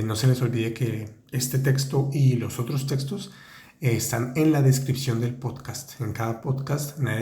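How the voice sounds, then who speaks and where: A man teaching French in a podcast lesson, explaining in Spanish and sounding out French phrases slowly and carefully. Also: medium pitch, warm tone, echoey room. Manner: slow, careful, deliberate enunciation of French phrases.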